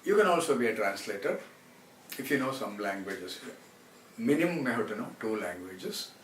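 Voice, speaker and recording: A former film actor turned translator from Karnataka, whose first language is Telugu, rambles to viewers about his own life with a South Indian accent, halting and repeating phrases. His voice is lowish and very animated, picked up by a distant mic in a roomy space with faint background noise.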